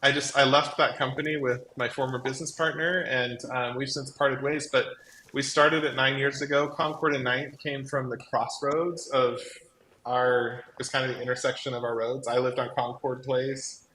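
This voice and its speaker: There's a roomy echo and faint background noise as a man, a guest on a live stream and co-founder of a crafting company, recounts his own story. His medium-pitched voice carries, sounding sharp and flat at a moderate pace, though his manner is chatty and effusive, heavy on "like."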